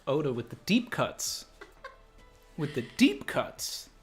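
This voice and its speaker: A man's voice: fairly high pitch, wildly swooping pitch, slow pace, soft background music. A man hosting a casual livestream chat, upbeat and laughing often as he reads out viewer comments. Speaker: host.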